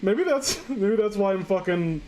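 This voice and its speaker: Amid crowd noise and clearly audible background sound, a high-pitched, expressive man hosts a casual, funny read-through of a horror story. He takes his time, tripping over words and drifting off on digressions.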